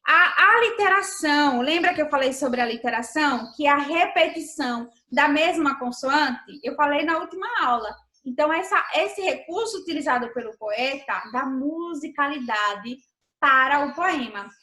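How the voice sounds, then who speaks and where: A woman's voice: high voice, sharp tone, reverberant. A Brazilian woman teaching a primary school class in a remote lesson, patient and explanatory, often checking in with the children. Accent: Brazilian Portuguese.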